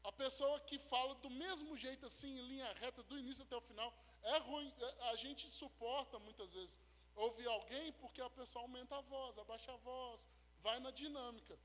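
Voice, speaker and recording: A pastor, teaching a sermon and checking in with listeners. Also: male voice, very high-pitched, normal speed, sharp tone. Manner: explanatory, checks in with listeners often. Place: church hall. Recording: echoey church hall.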